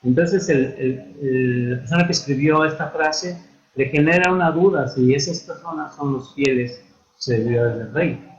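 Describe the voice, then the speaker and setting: Man teaching with hesitant fillers, echoey. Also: on the high side. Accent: Mexican Spanish. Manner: unhurried, hesitant, many fillers and restarts. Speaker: instructor. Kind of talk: online lecture on writing and spelling. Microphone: computer mic for a virtual classroom. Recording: echoey, dull online-classroom audio.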